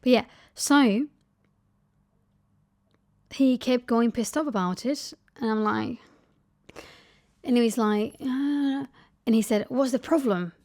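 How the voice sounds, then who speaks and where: A young woman vlogging a casual story to camera, animated, acting out quotes with big pitch jumps and dropping to a whisper for asides. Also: takes it slowly, long pauses. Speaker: lifestyle vlogger.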